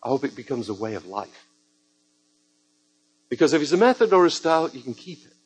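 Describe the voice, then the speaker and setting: A man's voice: mid-range voice, fairly quick, breathy edge, low-quality recording. A man preaching a sermon to a church congregation, telling stories with joking asides. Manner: lively storytelling with joking asides.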